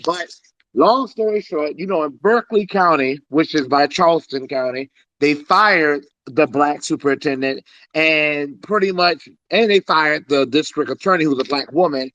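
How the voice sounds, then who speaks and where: Male caller, from south carolina, earnest, conversational, slightly high voice, muffled dry audio. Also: normal speed, fairly bright tone, no echo. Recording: dull lo-fi call audio.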